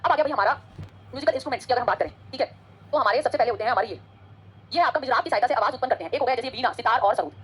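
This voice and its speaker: Teacher, female, rapid-fire exam-prep lecturing, a little husky, pitched slightly high. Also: animated, a little hiss or hum. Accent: Hindi-English code-switching. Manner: fast, chatty, switches between Hindi and English.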